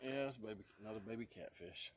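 A fishing vlogger chats casually and rapidly from a dock on an outdoor lake, often dropping to a low, hushed voice. He records himself on a handheld phone camera.

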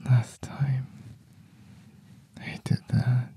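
A man playing a tender, sleepy boyfriend in a whispered role-play, murmuring softly and slowly in a husky, breathy morning voice. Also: medium pitch, little pitch movement. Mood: soft, hesitant. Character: sleepy, tender, protective boyfriend waking his partner.

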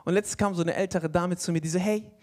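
High-voiced young stand-up comedian man. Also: very fast. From Palestine. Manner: animated, laughs at own jokes. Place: comedy stage before a live audience.

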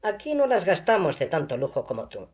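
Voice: medium pitch, very animated, brisk, darkish tone. A reader voicing a stern, ironic male doctor who lectures and admonishes, in an audiobook reading on a dull lo-fi recording.

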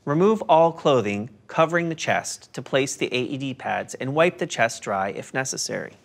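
Man, mid pitch, scripted training narration, calm and step by step. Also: normal speed, vocal fry. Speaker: instructional narrator.

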